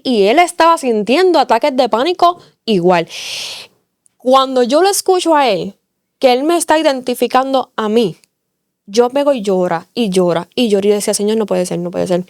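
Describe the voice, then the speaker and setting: A woman tells her faith story in earnest, repeating phrases to drive them home. Her voice sits a little high and sounds smooth and clear. The recording is close and dry. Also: no echo. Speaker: interview guest giving testimony. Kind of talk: emotional faith testimony.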